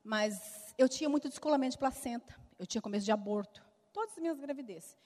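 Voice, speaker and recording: A middle-aged woman with a Brazilian Portuguese accent sharing a personal testimony with lively storytelling and acted-out dialogue, in a church hall. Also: high-pitched, quick pace. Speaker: speaker giving a testimony. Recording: long reverb of a large hall.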